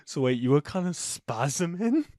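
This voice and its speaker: A man's voice: a little high, sing-song, unhurried, a little mellow, dry recording, studio quality. A man with a broad Scottish accent in casual chat, reacting with incredulous, sweary, slangy questions.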